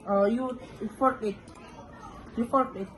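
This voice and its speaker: A woman's voice: a little high, steady tone, unhurried, poor audio. Filipino woman, home vlogger; coaxing, playful delivery, leisurely pace, light background noise. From Philippines. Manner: playful, coaxing, prompting others. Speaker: vlogger filming a food tasting. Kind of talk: casual home vlog. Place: home kitchen.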